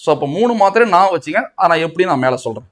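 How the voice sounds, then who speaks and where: Tamil Nadu male tutor, high voice, quizzes himself through each point. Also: big pitch swings, quick pace. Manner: asks and answers his own questions, mixing in English words. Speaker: Tamil grammar teacher. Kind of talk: exam coaching lecture.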